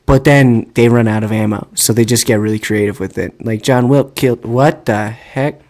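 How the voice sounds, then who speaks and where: A man's voice: medium pitch, steady tone, moderate pace, a little mellow. A young man co-hosting a podcast, chatting casually and rambling with lots of "like". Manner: rambling, says "like" often. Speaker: podcast co-host. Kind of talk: casual chat.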